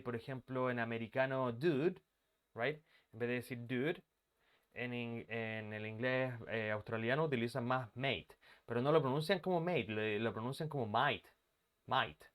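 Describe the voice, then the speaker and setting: A man with a smooth, mid-range voice teaches an online English class live from his bedroom, which serves as his office. He chats casually and says hello to students by name. The audio is from a computer mic on a video call.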